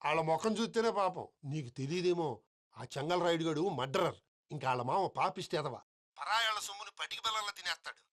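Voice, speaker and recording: Comic film actor, man, high pitch, very quick, scheming gossip. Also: lively intonation, fairly bright tone. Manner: scheming, badmouthing on the phone. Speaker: film actor in a comedy scene. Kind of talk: film comedy acting.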